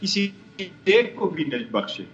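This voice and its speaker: A man's voice: high-pitched, sing-song, fairly bright tone, reverberant, lo-fi sound. A male lawyer arguing as a guest on a live TV debate, insistent and repeating phrases as he makes his point.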